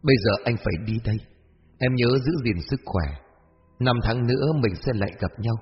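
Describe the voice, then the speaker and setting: A hushed, tender mysterious young man, as a man voices him. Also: mid-range voice, a little fast, big-room sound, muffled recording, lightly acted. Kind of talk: storybook narration.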